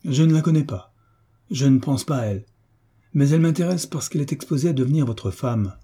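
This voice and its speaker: A man's voice: mid-range voice, expressive, a little fast, mellow, husky, pitched above the performer's own voice. A man voicing a blunt, affectionate old navy veteran who speaks frankly and firmly. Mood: indignant. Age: older. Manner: frank, firm, plain-spoken.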